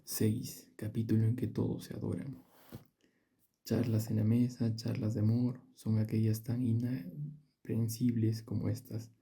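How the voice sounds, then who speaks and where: A man reading a classic novel aloud as an audiobook narrator, in a measured, steady manner. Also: on the low side, creaky, breathy edge.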